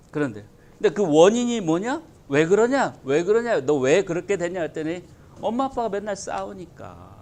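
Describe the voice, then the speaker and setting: A man's voice: fairly high pitch, a little mellow. A male pastor preaching a sermon, talking emphatically and asking the congregation many rhetorical questions.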